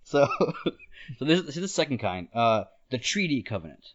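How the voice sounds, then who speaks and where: A man's voice: mid-range voice, sing-song, normal speed. A man hosting a podcast, explaining ideas in casual chat, talking it through with frequent "like" and "right?" and laughing easily. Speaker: podcast host. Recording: dull lo-fi podcast audio.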